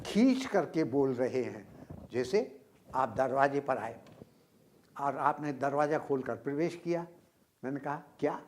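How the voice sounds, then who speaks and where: An older male lecturer speaks very slowly and deliberately, in a somewhat raised pitch. He works through his points with drawn-out pauses. He stresses words to demonstrate his examples. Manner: slow and explanatory, with many drawn-out pauses. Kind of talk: recorded university lecture.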